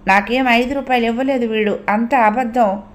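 A woman's voice: a little high, steady tone, moderate pace, close to an everyday voice. A woman voicing a frightened, helpless young woman who pleads anxiously. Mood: pleading.

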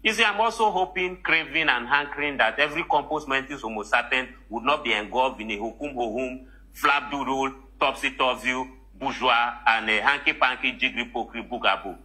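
An actor playing a pedantic Nigerian academic in a comedy interview, pompously piling up highfalutin synonyms. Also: male voice, a little fast, pushed and bright, low-quality recording. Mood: pompous, grandiose. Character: pedantic male academic showing off absurd highfalutin vocabulary.

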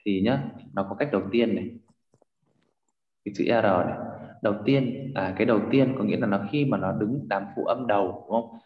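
A man's voice: lowish voice, a little fast, pauses often, echoey room, in a large hall, narrow, tinny audio. A male language teacher explaining pronunciation and quizzing a student, often adding tag questions. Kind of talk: online language lesson.

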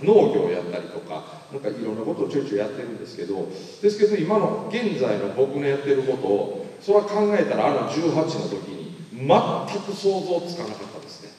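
Animated Kansai man lecturing in a hall. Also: medium pitch, brisk, hardly any pauses. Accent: Kansai Japanese. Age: 50s. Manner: animated storytelling, acting out quoted voices. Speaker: motivational speaker. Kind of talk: live lecture to an audience. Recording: echoey hall, mic at a distance.

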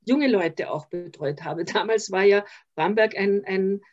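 An older woman with an Austrian accent speaks at a measured pace in a medium-pitched, slightly mellow voice. A social worker appearing as a guest in a conversational video-call interview, she reflects hesitantly and restarts often, over slightly dull call audio.

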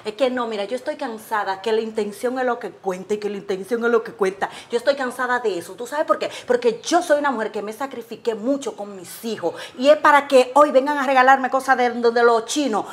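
Casting: actress as a boastful, favoritism-driven mother, fairly high voice. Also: brisk, hardly any pauses, natural voice. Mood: scornful. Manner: boastful, scornful. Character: vain mother who favors one daughter.

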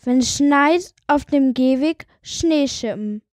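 A woman doing a young boy reading slowly. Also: high voice, darkish tone, dry recording. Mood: reading aloud.

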